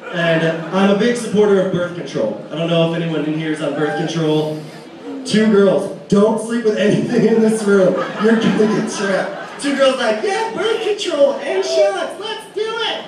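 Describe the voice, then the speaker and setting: A man's voice: sits high, normal speed, a crowd in the background, background noise. Young male comic in an echoey club. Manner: loose, crude storytelling with acted-out asides. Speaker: stand-up comedian. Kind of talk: stand-up comedy set. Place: comedy club stage. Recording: echoey club from a far mic, audience laughter.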